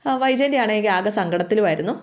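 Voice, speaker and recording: A woman's voice: medium pitch, animated, quick pace. A woman casually retelling a TV serial's plot in a chatty, colloquial way. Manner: chatty, colloquial, frequent fillers. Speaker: storyteller recapping a TV serial.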